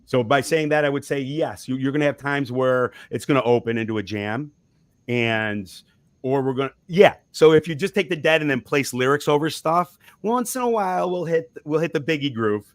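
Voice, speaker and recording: A man of medium pitch talks about his music in a loose, rambling way, breaking off and restarting his thoughts and laughing lightly. The sound is dry and close, with no room around it. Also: animated, moderate pace, dry recording. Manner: rambling, chuckling, frequent restarts. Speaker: musician guest. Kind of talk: casual interview talk.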